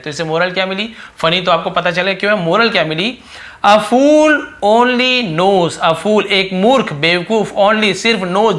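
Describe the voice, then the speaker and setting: A middle-aged male teacher with a bright, fairly high voice. He reads English phrases slowly, word by word, then explains each one in a patient lesson tone. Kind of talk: explaining an English story in Hindi.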